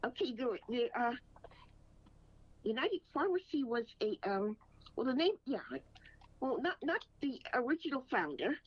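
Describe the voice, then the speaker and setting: A woman's voice: high voice, big pitch swings, unhurried, long pauses, muffled recording. A woman who owns a pharmacy, answering interview questions in a direct, plain way. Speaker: pharmacy owner, guest.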